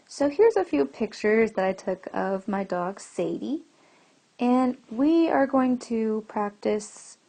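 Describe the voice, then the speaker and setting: Slow, patient woman teacher. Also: on the high side, vocal fry, dark tone. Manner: slow, patient explaining with questions to the class. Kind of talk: recorded classroom lesson for children.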